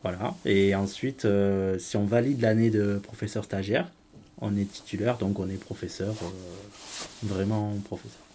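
Deep-voiced man with a southern French accent. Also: steady tone, moderate pace, dark tone, a little hiss or hum. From south of France. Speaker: English teacher. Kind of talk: answering a school interview.

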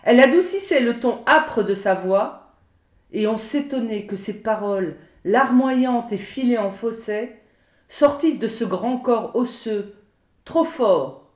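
A woman reading a literary short story aloud in a measured, expressive narrating voice. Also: on the high side. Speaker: audiobook reader. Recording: roomy echo.

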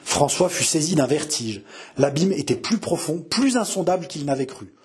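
Very husky man reading a novel aloud. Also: a little high, animated. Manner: measured, dramatic storytelling. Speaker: narrator.

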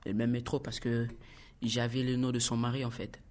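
A teenage boy born in England speaking in a halting way. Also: medium pitch, monotone, a little mellow. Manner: halting, restarting. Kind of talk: spoken testimony.

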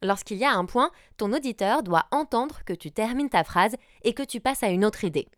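A woman's voice: mid-range voice, normal speed, no echo, clean studio sound. A young woman, a radio journalist, giving an upbeat scripted tutorial that speaks straight to the listener. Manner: lively, addresses the listener directly, models intonation.

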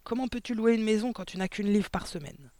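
A man's voice: high-pitched, quick pace, clean tone, pitched above the performer's own voice, close to an everyday voice. A man reading a storybook aloud, voicing a domineering, cruel aunt who speaks shrilly and scornfully.

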